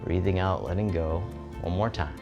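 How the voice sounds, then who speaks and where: A man giving serene, gentle tai chi instruction in short, soothing guided movement cues. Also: deep voice, moderate pace, highs cut off. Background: instrumental music.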